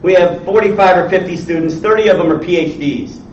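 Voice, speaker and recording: A man in his sixties lectures informally with a blunt, needling, salty manner. His voice sits high for a man. It is picked up from a distance in a very echoey room, with a slightly dull sound. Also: brisk, slight background noise. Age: 60s. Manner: blunt, teasing, salty, quizzes listeners. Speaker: entrepreneur lecturer. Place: indoor teaching room with audience.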